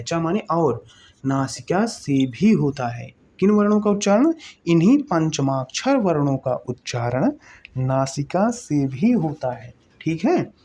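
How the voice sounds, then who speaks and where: A teacher works through an exam-prep lesson at an unhurried pace, repeating each term several times. The voice is dark and mellow, and the teacher keeps asking the class rhetorical questions and checking that they follow along. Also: medium pitch. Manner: checks in with "okay?" often.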